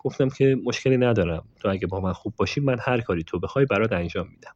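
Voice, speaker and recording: Low-pitched guy narrating a true story, casual and rambling, talks straight to the listeners, dry dull audio. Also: a little mellow, no room sound. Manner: digressive, addresses listeners directly. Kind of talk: conversational storytelling with asides to listeners.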